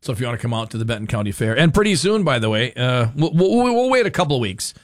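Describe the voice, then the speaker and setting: A man's voice: medium pitch, very animated, fast, dry recording. A man talking as a talk radio host in a studio, bantering with callers and his producer. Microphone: studio microphone.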